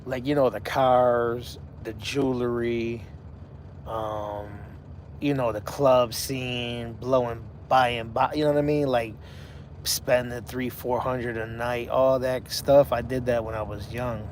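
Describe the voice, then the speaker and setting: Laid-back forty-year-old man, flat voice. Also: mid-range voice, slow pace, a little hiss or hum. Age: 40s. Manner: laid-back, talks to chat viewers by name. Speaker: livestream host. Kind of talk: casual live chat.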